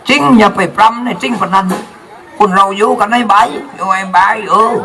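A man with a Southern Thai accent performing live as a shadow-puppet master, talking in lively, folksy comic banter. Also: sits high, brisk, poor audio. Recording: live show with music and crowd.

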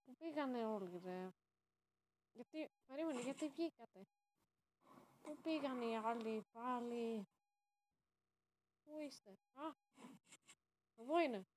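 A woman commenting casually on her own game as she plays, excitable and prone to sudden shouted exclamations. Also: fairly high pitch, long pauses, a little hiss or hum. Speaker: gaming channel host.

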